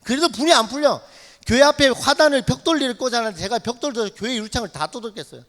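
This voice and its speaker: A man, a missionary, preaching a dramatic testimony in a church sanctuary, acting out shouts and dialogue as he tells his story. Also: very high voice, very fast. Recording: long hall reverb in church.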